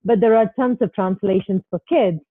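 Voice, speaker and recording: A woman's voice: medium pitch, moderate pace, breathy edge, no room sound. A woman from Kerala with an Indian accent, answering interview questions casually, with hesitant pacing and rephrasing as she goes. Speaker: podcast guest, startup founder. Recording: thin phone-like, roomless dry sound.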